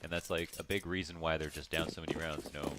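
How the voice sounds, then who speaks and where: A man's voice: very deep voice, steady tone, quick pace, heavy background noise. A man giving color commentary on a competitive shooter match, rambling with lots of "like" and "you know". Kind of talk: esports analysis. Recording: loud game sounds behind.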